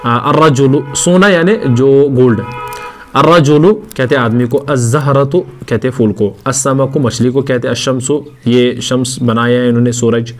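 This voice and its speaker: A man teaching an Arabic lesson, explaining step by step and repeating words and letters slowly for his students. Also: medium pitch, fairly even intonation, a little hiss or hum. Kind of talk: classroom lecture.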